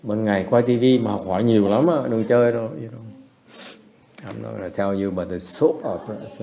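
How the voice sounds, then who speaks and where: A man with a lowish, mellow voice delivers a dharma lecture at a meditation retreat. He moves back and forth between English and Vietnamese and chuckles often as he teaches. The tone stays warm and relaxed. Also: a little fast, vocal fry. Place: temple lecture hall.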